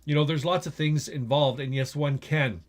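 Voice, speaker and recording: A man's voice: a little high, fairly even intonation, moderate pace. A middle-aged man with a Western Canadian accent, talking casually and with opinions in an explanatory vlog, checking in with the listener as he goes, recorded indoors in a small space. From Edmonton, Alberta, Canada. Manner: conversational, opinionated, often asks "okay?" and "right?". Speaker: vlogger, RV store general manager.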